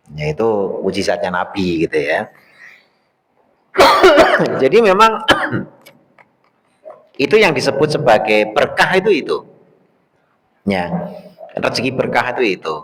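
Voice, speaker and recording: A man preaching at an evening religious study, telling a story with lively, acted-out dialogue. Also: mid-range voice. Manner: lively storytelling, acts out quoted voices. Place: mosque study hall. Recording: long hall reverb.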